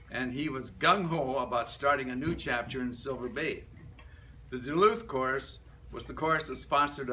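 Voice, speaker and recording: An older man reads a prepared reminiscence aloud to a group, halting between short phrases. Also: medium pitch, pushed and bright. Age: older, about 70s to 80s. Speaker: club member giving a life-story speech. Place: medium-sized indoor meeting room. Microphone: camera a few metres away. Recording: distant room mic with background noise.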